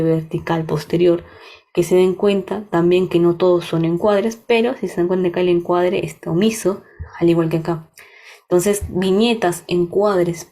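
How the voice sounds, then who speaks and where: A woman's voice: lowish voice, dark tone. A young adult woman with a Peruvian Spanish accent, leading a workshop lecture. She explains step by step and often checks that listeners are following. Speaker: workshop instructor.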